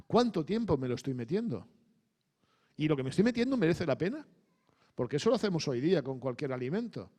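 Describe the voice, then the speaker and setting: A middle-aged man giving a conversational sermon, often checking in with the audience. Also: on the high side. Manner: animated, asks the audience frequent questions. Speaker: preacher. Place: church hall.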